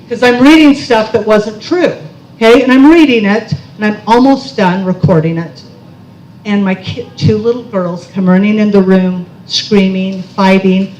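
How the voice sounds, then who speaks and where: A woman's voice: mid-range voice, a little mellow. Chatty woman telling a story in an echoey hall. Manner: chatty, self-mocking, tags lines with "okay?". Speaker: conference speaker. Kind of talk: personal storytelling talk. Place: large conference hall. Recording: roomy hall echo.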